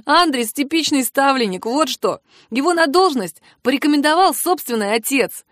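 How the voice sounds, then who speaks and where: A cheeky young prince stuck in a woman's body, as a woman reader plays him, mocks and teases those around him. The voice stays bright and fairly high, recorded close and dry. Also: expressive, moderate pace, no echo. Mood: mocking. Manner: teasing, mocking.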